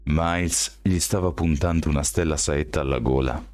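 A man reading a novel aloud as audiobook narration, in a steady, even storytelling manner. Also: extremely low pitch, normal speed, dry recording, soft background music. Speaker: audiobook reader.

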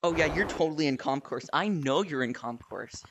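Excitable young woman gaming. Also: sits low, moderate pace, creaky, noisy background. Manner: excitable, shouts and half-sings while playing. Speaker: gaming streamer. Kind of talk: casual gameplay commentary.

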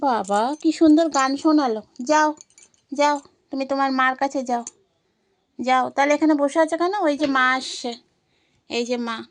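A woman vlogger chatting playfully to her cats and to viewers, coaxing and teasing them. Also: high voice. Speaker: pet vlogger. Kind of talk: casual chat to pets and viewers.

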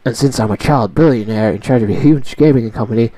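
An arrogant young billionaire villain, played by a man in a homemade comic redub. He talks fast and smug, with a mellow tone. The sound is dry and close. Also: mid-range voice, no room sound, natural voice.

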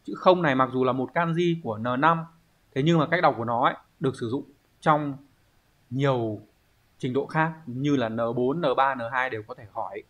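A man teaching an online language lesson, explaining step by step at an unhurried pace and thinking aloud with pauses. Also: medium pitch, a bit bright. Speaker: Japanese teacher.

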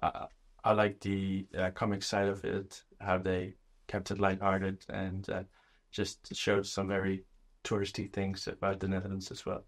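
A man's voice: low voice, monotone, unhurried. A man guest speaking with hesitant fillers in a roundtable chat.

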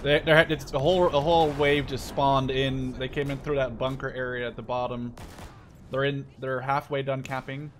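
In a level, mid-range voice at a moderate pace, this Dutch man in his twenties, a gaming YouTuber, starts with an upbeat intro and then chats and reacts while playing an online shooter with a friend. A little hiss or hum runs under the recording.

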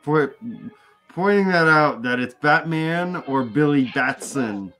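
A man's voice: on the high side, lively intonation, slow, fairly bright tone, faint music behind. A man with an Indian accent hosting a film watch-along, making wry joking asides. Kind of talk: casual chat.

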